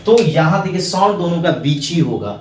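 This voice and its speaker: A man's voice: fairly high pitch, animated, a little fast, far from the mic, a little hiss or hum. A male English teacher explaining grammar in Hindi, asking his own questions and then answering them. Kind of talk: classroom grammar lesson. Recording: echoey room, voice a bit off-mic.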